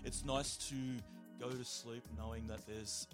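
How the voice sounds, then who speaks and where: A man hosts a casual radio chat at a medium pitch. He sounds upbeat and appreciative, with music clearly playing behind his voice. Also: steady tone, measured pace. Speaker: radio host.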